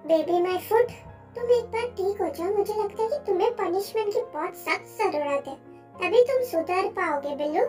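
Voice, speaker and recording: A woman's voice: very high voice, animated, normal speed, darkish tone, faint music behind. A woman voicing an emotional young girlfriend. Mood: scolding. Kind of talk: amateur Hindi fan dub.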